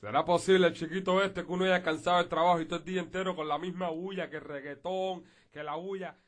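A man's voice: high voice, steady tone, fast talker, voice pushed down, lightly acted. A man voicing a tired, grumpy father with a Cuban accent who grumbles and scolds. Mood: scolding. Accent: Cuban Spanish.

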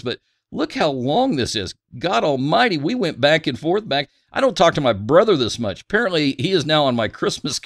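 A man's voice: a little high, a bit bright, no echo, studio quality. A man hosting a gun channel vlog, reading viewer comments aloud in a joking, crude, self-mocking way.

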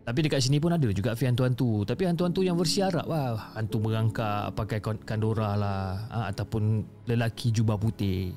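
A man's voice: fairly low pitch, fairly quick, hardly any pauses, a little mellow, faint music behind. A man with a Malaysian accent reading a listener's horror story in a chatty, conversational way, often addressing the listener by name.

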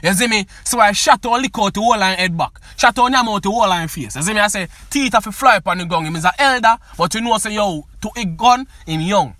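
A man's voice: high-pitched, quick pace, hardly any pauses, pushed and bright, no echo, clean studio sound. A man with a Jamaican accent giving a casual, emphatic review of a song. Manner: emphatic, keeps asking "you see me". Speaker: music reviewer.

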